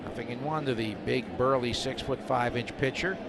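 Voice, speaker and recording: A man with a creaky, medium-pitched voice and moderate pace calls a live baseball game as a radio play-by-play announcer. The ballpark broadcast is noisy, full of stadium ambience.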